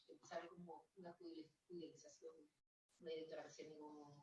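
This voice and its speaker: A moderator hurries through audience questions in casual conversation. The voice sits at a middling pitch. It is picked up from a distance, so it sounds off-mic. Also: level tone, a little fast, darkish tone, slight background noise. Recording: voice far from the mic.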